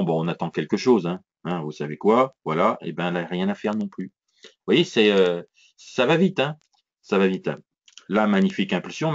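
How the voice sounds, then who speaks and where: A man teaching live as a trading instructor, talking fast and punchy, full of little fillers. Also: lowish voice, dull audio. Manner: quick, punchy, many hein and voilà fillers. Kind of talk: live educational screen walkthrough.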